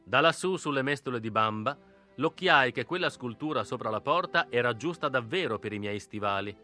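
A man narrating a novel in first person, telling the story smoothly in a slang-filled voice, recorded close on a studio mic. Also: medium pitch, animated, moderate pace, pushed and bright, soft background music. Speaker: audiobook narrator.

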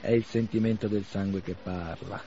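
A man's voice: on the low side, fairly even intonation, normal speed, a little hiss or hum, natural voice. A man reading the part of a blunt, scornful young man who mocks and provokes his friend, on a slightly dull radio recording. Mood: mocking. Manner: sarcastic, forceful.

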